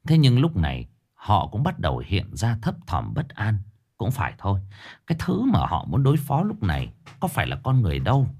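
A man's voice: fairly low pitch, fairly quick, slightly rough. A man narrating a ghost story and acting out every character. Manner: lively, acts out every character.

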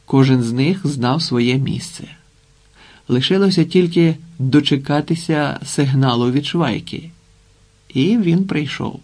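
A male audiobook narrator with a gravelly, mid-pitched voice. He tells the story at a measured, even-handed pace. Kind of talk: audiobook reading.

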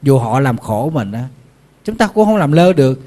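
A man, a Buddhist monk giving a lively sermon and telling folk stories with playful asides. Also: medium pitch, moderate pace. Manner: lively, jokey, acts out animal voices in the story.

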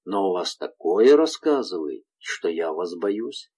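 A man reading aloud voices a frightened, gentle young village woman in a tender, pleading manner. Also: low-pitched, sing-song, a little slow, breathy edge, full character voice.

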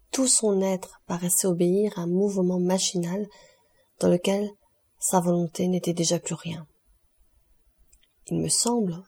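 A woman narrates a classic novel in a measured, expressive audiobook reading. Her voice is low, dark and mellow. It carries a husky grain throughout.

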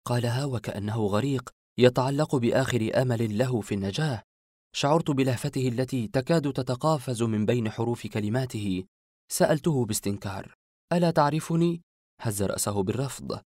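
A man narrating a dramatic first-person story in an expressive reading voice that builds with feeling. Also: mid-range voice, fairly quick, dry recording, studio quality.

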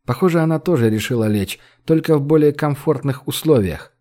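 A man narrates an audiobook in an even, steady way. His voice sits fairly high for a man. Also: a little fast. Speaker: audiobook reader.

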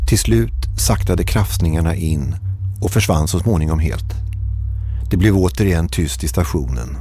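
A man reading a scripted first-person horror story in a tense, measured way. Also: low-pitched, dark tone, breathy edge. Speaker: horror podcast narrator. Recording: faint music bed behind.

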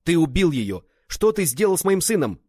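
A man's voice: on the high side, very animated, moderate pace, dry recording, clean studio sound, pitched above the performer's own voice. A man voicing a raging grief-mad swordsman. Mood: furious shouting. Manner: shouting, raging, accusing. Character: furious grief-stricken young male swordsman.

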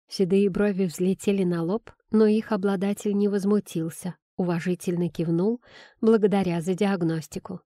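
A woman narrating a first-person audiobook in an even, wry storytelling manner. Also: fairly low pitch, no echo, clean studio sound.

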